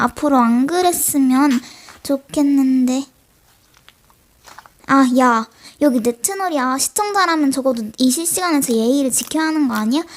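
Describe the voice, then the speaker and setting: A teenage girl with a mild sore throat, playing a livestreamer who chats with and scolds imagined viewers in a scripted role-play. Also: high voice. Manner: talks straight to imagined chat viewers, scolding and chatty. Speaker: solo role-play creator.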